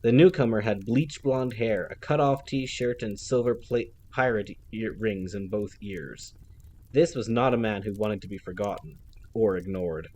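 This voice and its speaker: A man reading a novel aloud in an even storytelling manner. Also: fairly low pitch, unhurried, a little hiss or hum. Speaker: audiobook reader.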